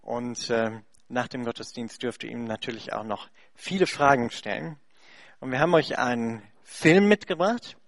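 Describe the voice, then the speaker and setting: There's vocal fry in this man's mid-range voice, which moves at normal speed in a dry, clean studio recording. A German charity head, he interprets for a guest and then tells a church congregation a story, talking chattily with lots of fillers.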